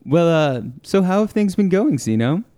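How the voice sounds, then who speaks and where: A man's voice: high voice, big pitch swings, moderate pace, warm tone, clean tone, voice pushed up. A man voicing a haughty young nobleman who mocks the people he talks to. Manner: smug and condescending.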